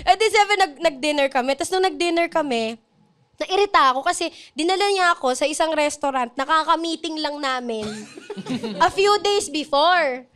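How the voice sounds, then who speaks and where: A high-pitched woman chats casually and tells her story with lots of animation. She laughs often between lines. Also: lively intonation, moderate pace, a bit bright. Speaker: guest telling her proposal story. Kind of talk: casual chat.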